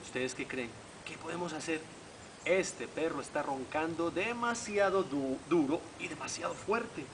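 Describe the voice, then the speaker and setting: A man's voice: a little high, unhurried, far from the mic. A man voicing a worried, sleepless male cat who keeps asking how to stop the snoring. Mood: puzzled. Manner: puzzled, asking the listeners for ideas. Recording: noisy home video recording.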